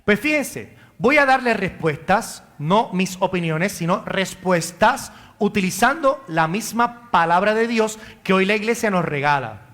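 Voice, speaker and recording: A priest preaching a homily at Sunday Mass, with a high-pitched, bright, forceful voice. He asks his congregation questions and answers them himself. Now and then he turns to a parishioner by name. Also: lively intonation, a little slow, hardly any pauses. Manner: addresses parishioners by name, joking. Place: church during Mass.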